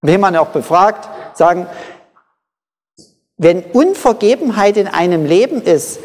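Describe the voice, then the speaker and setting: A preacher delivers a sermon in short, measured phrases and circles back to drive each point home. The voice sits at an ordinary middle pitch. A long reverb tail hangs behind every phrase, as in a church hall. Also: animated, darkish tone. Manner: explains in short phrases, repeats key points for emphasis.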